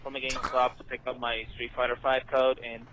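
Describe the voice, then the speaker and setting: A man's voice: medium pitch, monotone, fairly quick, pushed and bright, slight background noise, rough recording. A tired man leaving a casual voice message from a moving car, played back through a speaker, swearing freely. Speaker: listener calling in with a voice message.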